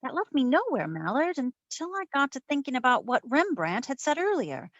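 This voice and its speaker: A community theatre voice actor plays a wisecracking, self-assured female private eye, recounting events in a wry, slangy 1940s radio detective style. Her high voice swings widely in pitch at a moderate pace, and the delivery is heavily acted and theatrical. The audio is dull, with no room sound.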